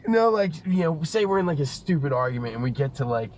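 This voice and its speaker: A man's voice: fairly high pitch, big pitch swings, quick pace, a little mellow, a little hiss or hum. A man, a guest chatting casually, brash and profane, at a food shop. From Delaware County, Pennsylvania. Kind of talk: casual chat.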